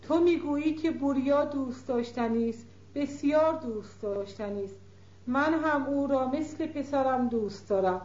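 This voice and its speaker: A woman voicing an older countess who gently and affectionately reasons with her daughter in a storybook reading. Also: sits high, close to an everyday voice. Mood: gently warning. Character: older mother countess, gentle but worried. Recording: roomy, dull lo-fi recording.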